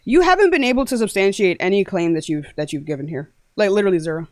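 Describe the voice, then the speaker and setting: A woman's voice: medium pitch, lively intonation, quick pace, no room sound. A young woman runs a heated live-stream debate, cutting in bluntly and pressing her guests hard. Her voice sits in an ordinary middle range. It is recorded dry and close, with no room sound. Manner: blunt, combative, talks over people. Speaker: livestream debate host.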